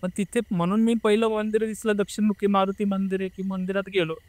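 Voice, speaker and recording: Young guy with a highish voice telling a scary family story, earnest, dry close mic. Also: little pitch movement, fast talker, darkish tone, no room sound. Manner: earnest, emotional, re-enacts family members' words. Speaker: guest telling a personal story. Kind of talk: casual interview storytelling.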